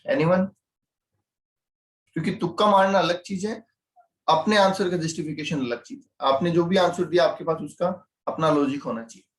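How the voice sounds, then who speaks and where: A man's voice: fairly high pitch, moderate pace, echoey room, low-quality recording. A man with an Indian accent teaching a CMA class online. He explains points through everyday role-play examples and keeps putting questions to his students.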